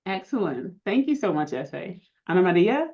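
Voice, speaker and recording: A woman's voice: lowish voice, sing-song, normal speed, mellow, husky. A woman hosting a webinar over a video call, upbeat, with frequent um fillers. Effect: heard over a video call. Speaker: webinar host. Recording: dull, lo-fi call audio.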